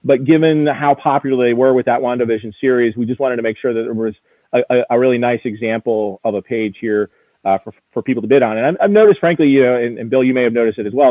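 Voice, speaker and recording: This medium-pitched male voice belongs to an auction house executive serving as a guest expert, offering lively, conversational commentary while previewing collectible pieces on a live broadcast. The recording is dry and narrow, sounding like a phone line on radio.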